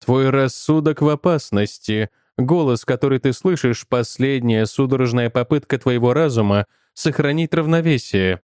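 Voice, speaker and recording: A man voicing a stern, mocking inner voice that urges a troubled man toward violence, speaking low and slow. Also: darkish tone, clean tone, dry recording, studio quality, close to an everyday voice. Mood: insistent. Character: stern menacing inner voice, male, urging violence.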